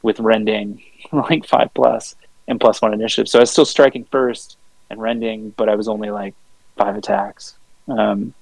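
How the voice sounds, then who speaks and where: Gravelly-voiced laid-back podcast guy. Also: on the low side, expressive, normal speed, a little mellow, no echo, rough recording. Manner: rambling, laid-back, swears freely with many fillers. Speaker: podcast co-host. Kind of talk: casual storytelling chat.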